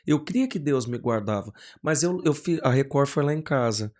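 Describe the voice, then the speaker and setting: A man's voice: mid-range voice, normal speed. A man, a pastor talking as a guest on a podcast, telling stories with energy and acting out other people's lines. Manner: animated storyteller who acts out quoted voices. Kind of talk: casual podcast conversation.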